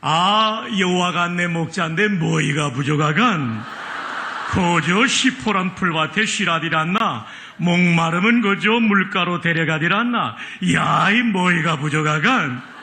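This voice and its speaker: A pastor reading a psalm in a put-on Pyongan dialect, slowly and chuckling. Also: male voice, high voice, pushed and bright, slight background noise, pitched above the performer's own voice, heavily acted. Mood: amused. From Chungcheong, Korea. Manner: slow, chuckling delivery.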